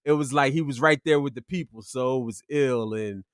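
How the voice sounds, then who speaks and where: A man's voice: medium pitch, brisk, clean tone, dry recording. Laid-back podcast guy, dry close mic. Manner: laid-back, lots of "you know" and "yo". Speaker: podcast co-host. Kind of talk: casual chat.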